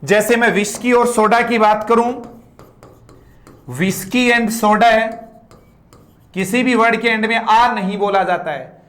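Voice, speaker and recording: High-voiced Hindi-speaking English teacher. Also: male voice, steady tone, fairly bright tone, echoey room. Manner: drills English sentences slowly, then explains in Hindi; scolds mispronunciations playfully. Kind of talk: live online grammar class.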